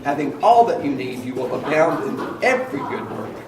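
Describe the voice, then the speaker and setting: A man's voice: fairly high pitch, sing-song, moderate pace, a crowd in the background. A man pastor preaching an earnest sermon and calling on his congregation to repeat lines after him. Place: church hall. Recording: echoey room, mic at a distance, faint noise.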